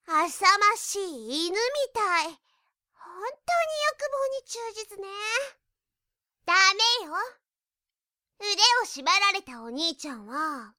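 A woman's voice: very high-pitched, very animated, slow pace, pushed and bright, no room sound, studio quality, full character voice. A woman voicing a domineering younger sister in an audio drama, speaking in a mocking, commanding tone. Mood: teasing. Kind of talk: audio drama role-play.

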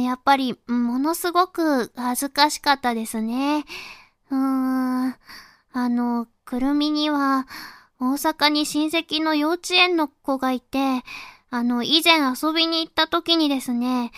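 A woman from Fukuoka with a Hakata accent, a voice performer chatting casually to her listeners in a soft, unhurried way full of small fillers. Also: sits high, no echo, clean studio sound. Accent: Hakata dialect. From Fukuoka, Japan. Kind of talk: casual afterword talk to listeners.

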